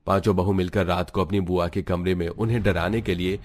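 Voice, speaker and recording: Very deep-voiced male cartoon narrator. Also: fairly even intonation, a little fast. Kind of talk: scripted narration.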